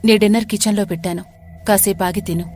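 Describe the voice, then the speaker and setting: A bold young woman scolds in a brisk, hushed voice, as a woman reads her aloud. She talks fast and firmly in this storybook telling, over faint music. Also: medium pitch, steady tone, natural voice.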